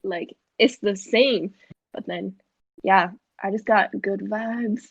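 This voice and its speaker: A woman's voice: mid-range voice, slow pace, gravelly, no echo. Laid-back young woman, dry dull recording. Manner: laid-back, filler-heavy, laughs often. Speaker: podcast co-host. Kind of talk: casual chat among friends.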